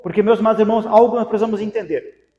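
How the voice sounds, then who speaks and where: High-voiced Brazilian pastor preaching in a hall. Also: male voice, fairly even intonation, racing, warm tone, lo-fi sound. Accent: Brazilian Portuguese. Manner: preaching with repeated rhetorical questions. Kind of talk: sermon. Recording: echoey hall with long reverb.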